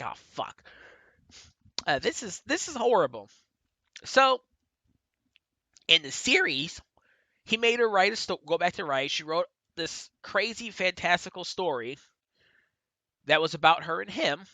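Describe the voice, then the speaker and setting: A man's voice: a little high, pushed and bright, no room sound. A man giving a casual spoken review, retelling events in a rambling way with many fillers and self-corrections. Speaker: book and TV reviewer.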